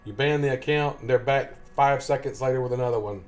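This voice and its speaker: A man streaming a game talks casually with viewers in a Tennessee Southern accent, joking, rambling, and chuckling a lot. His medium-pitched, darkish voice moves fairly quickly.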